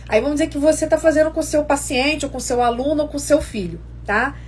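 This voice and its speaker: A woman's voice: sits high, fast. A woman explaining literacy games step by step in a casual live lesson, often checking in with viewers. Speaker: educator teaching literacy games.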